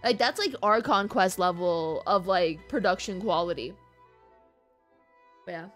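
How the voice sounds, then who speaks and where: Speaking at a measured pace in a lowish voice, this woman streams live and banters playfully with viewers, casual and mildly foul-mouthed. There's music in the background.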